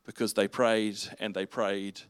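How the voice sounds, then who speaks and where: A man preaching a sermon in a conversational, halting way, with restarts and fillers. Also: fairly low pitch, flat delivery, clean tone, no room sound, studio quality. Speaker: pastor.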